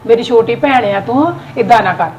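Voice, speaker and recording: A coaxing elder daughter-in-law, played by a woman with a fairly high voice. She pleads softly to smooth over a family quarrel. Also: moderate pace, highs cut off, natural voice. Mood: pleading. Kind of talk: family skit acting.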